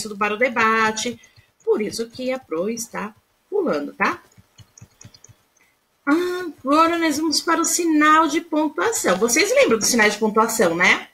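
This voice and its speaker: A Brazilian woman teacher with a fairly high voice. Her pitch rises and falls a lot as she walks young pupils through the lesson patiently, step by step. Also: a bit bright. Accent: Brazilian Portuguese. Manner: patient, explains step by step with frequent "tá?". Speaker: primary school teacher. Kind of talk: recorded remote class explanation.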